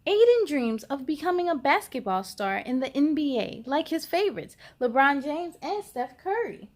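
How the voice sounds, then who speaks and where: With a high voice that swings widely in pitch, a woman leads children's story time, stretching out words as she reads expressively and speaks directly to the young audience.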